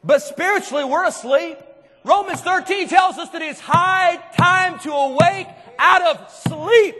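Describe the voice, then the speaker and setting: A man with a very high voice preaches a sermon, dropping to hushed tones and then rising to shouts. His voice rings out with a long hall reverb behind it. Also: a little slow. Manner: emphatic, swings between hushed and shouted.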